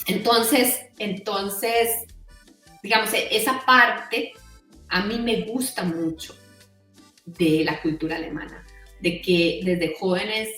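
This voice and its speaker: A woman's voice: mid-range voice, slow, pushed and bright, reverberant, recorded from a distance, soft background music. A middle-aged Costa Rican woman talking as an interview guest in a chatty way, full of "o sea" and "¿verdad?". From Costa Rica. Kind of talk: casual conversational interview.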